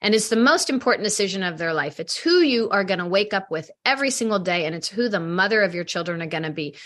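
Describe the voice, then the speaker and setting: A middle-aged woman talks in an interview with a bright, forceful tone. She tells stories with lively energy and acts out what others said. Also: medium pitch, quick pace. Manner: animated, acts out quoted dialogue. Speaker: matchmaking company head. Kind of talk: interview storytelling.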